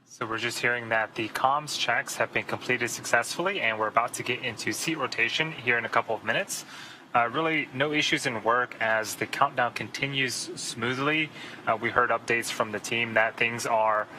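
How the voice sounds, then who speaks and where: A man giving live, explanatory launch commentary in an informative, measured way with frequent pauses. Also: medium pitch, pushed and bright, poor audio. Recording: faint background noise.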